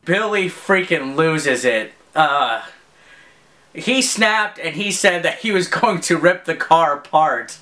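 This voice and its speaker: A man's voice: fairly high pitch, expressive, slow pace, pushed and bright. A man casually recounting a trip story, amused. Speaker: show regular. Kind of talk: casual chat.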